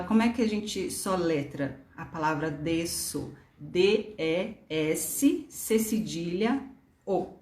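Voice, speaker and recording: A woman teacher with a Brasília Portuguese accent, patiently explaining grammar and spelling words out letter by letter. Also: fairly low pitch. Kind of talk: online grammar lesson. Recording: echoey room.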